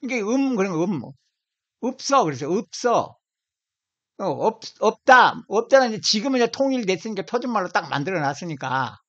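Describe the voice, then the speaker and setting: A man's voice: sits high, sing-song, fast. A man from Seoul giving an informal video lecture, emphatic, often repeating and stretching out single words. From Seoul, South Korea. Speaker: lecturer on language origins. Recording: dull lo-fi audio.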